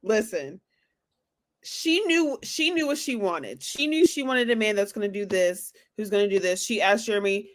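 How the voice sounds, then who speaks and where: A woman co-hosting a casual podcast chat, defensive and lively, acting out the people she quotes. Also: medium pitch, moderate pace. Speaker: podcast co-host.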